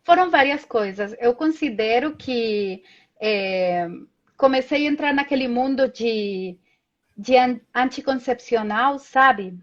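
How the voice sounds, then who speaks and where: A woman's voice: on the high side, slow pace. Chatty woman on a lo-fi call. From Colombia. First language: Spanish. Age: 30s. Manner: chatty, storytelling with many tag questions. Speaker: guest. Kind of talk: casual chat in a live video call. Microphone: video call.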